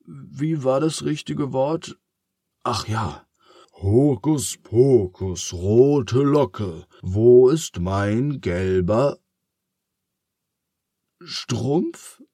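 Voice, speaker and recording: A bumbling, forgetful wizard, as a man puts him on, in a somewhat raised, lively voice. He drags out his spell chants and sounds muddled, recorded close and dry. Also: on the low side, slow, breathy edge, no echo, exaggerated voice. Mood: chanting. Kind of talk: storybook reading.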